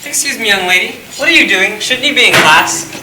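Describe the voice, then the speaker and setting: A performer voicing a polite, bumbling school principal in a mild, awkward manner, pitched lower than usual. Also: animated, brisk, natural voice. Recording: noisy echoey room.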